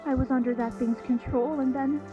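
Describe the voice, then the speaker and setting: Actress as a plucky old-time radio heroine, lo-fi and slightly off-mic. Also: female voice, high voice, fairly even intonation, a little fast, distant mic, over music, natural voice. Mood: dramatic. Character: spirited adult woman, the sheriff's ally.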